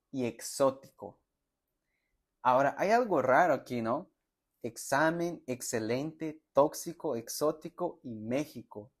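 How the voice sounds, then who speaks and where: A man teaching a pronunciation lesson, slowly sounding out example words and syllables for learners to repeat, with friendly check-in questions. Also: medium pitch. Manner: slow, deliberate, sounds out words and syllables for repetition; friendly, addresses students directly with check-in questions. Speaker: Spanish teacher.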